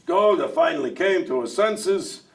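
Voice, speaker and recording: A garrulous older dairyman, fresh off the boat from Russia,in a stage monologue. His fairly high voice leaps up and down as he jokes, stumbles over his words and fires questions back. It carries from a distance, as if heard across a theater stage. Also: expressive, normal speed. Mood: chatty. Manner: talkative, joking, stammers and asks back. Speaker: stage actor in a one-man show.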